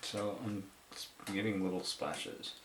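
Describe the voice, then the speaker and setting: Painter talking himself through a demo: low-pitched man, casual and halting, in an echoey room with clatter in the background. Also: heavy background noise. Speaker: watercolor painter demonstrating.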